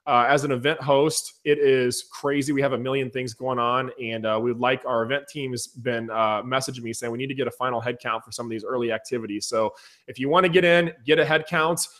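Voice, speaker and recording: A man hosting a casual webinar, energetic and enthusiastic as he talks to his viewers, his voice going hoarse. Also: medium pitch, fairly quick. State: losing his voice. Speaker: webinar host.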